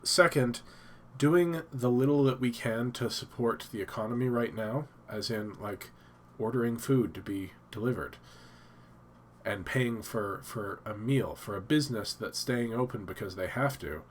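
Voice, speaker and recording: A man's voice: mid-range voice, measured pace, slight background noise. A man hosting a casual live stream from his home office, stuffed up and thinking aloud with many fillers and restarts.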